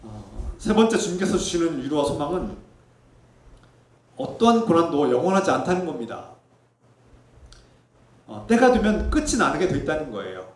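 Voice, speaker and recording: A male pastor preaching a sermon in earnest tones, sometimes quietly reflective and sometimes emphatic. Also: sing-song, normal speed, long pauses, recorded from a distance. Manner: softens to a low reflective tone for personal testimony. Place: church sanctuary. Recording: echoey church sanctuary.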